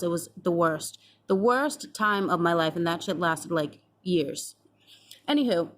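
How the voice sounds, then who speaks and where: A vlogger in her twenties with a fairly low voice tells the camera a personal story in a chatty, casual way. She acts out past conversations and swears freely.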